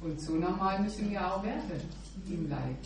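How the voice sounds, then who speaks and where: A woman with a lowish voice speaks at normal speed, sharing earnestly at a church meeting in an informal devotional way and often affirming with "ja". An echoey, faraway room mic captures her along with background noise.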